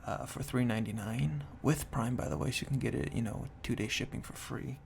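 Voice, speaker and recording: Man whispering ear to ear, creaky ASMR. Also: a little fast. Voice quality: hushed, breathy whisper mixed with soft low murmur. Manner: dry, tongue-in-cheek deadpan. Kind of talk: ASMR whispered reading of product reviews with casual commentary. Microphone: binaural microphone, very close to the ears. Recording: close binaural ear-to-ear mic, faint noise.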